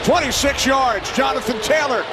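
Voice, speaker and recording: A man calls football play-by-play in a very high, strained-up pitch. He delivers emphatic, shouted touchdown calls with excitement. A huge crowd roars loudly behind him, with heavy stadium noise throughout. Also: moderate pace. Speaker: play-by-play announcer. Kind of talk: excited touchdown call, live football commentary. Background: roaring football stadium crowd.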